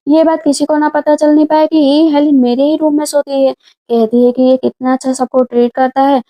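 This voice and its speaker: A woman's voice: sits high, flat delivery, moderate pace, dark tone, faint music behind. A woman narrating a drama recap in a casual storytelling way, speaking the characters' lines in her own voice. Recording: dull lo-fi sound.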